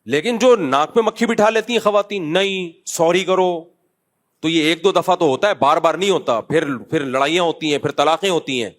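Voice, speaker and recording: A man's voice: on the high side, hardly any pauses, a bit bright. A middle-aged man, a mufti answering questions from the public in a conversational, scolding manner with joking asides. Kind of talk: public Q&A talk.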